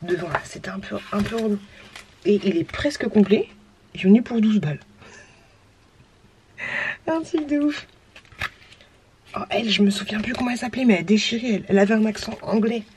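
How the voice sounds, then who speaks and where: Woman, 30s, casual home vlogger; giggly, slangy, mid-pitched, light background hiss. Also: expressive, brisk, long pauses, a little mellow. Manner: chatty, giggly, slangy and nostalgic. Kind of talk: casual vlog chat.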